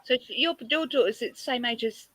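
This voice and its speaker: A woman's voice: a little high, normal speed, noisy background. A woman with a South London accent in casual group chat, chatty and blunt. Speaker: chat participant.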